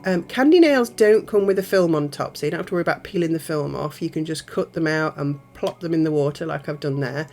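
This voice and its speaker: A nail art channel host with a cold narrates a casual tutorial in a low, slightly mellow, nasal voice. She talks fast with hardly any pauses, chatty and giggly in her asides.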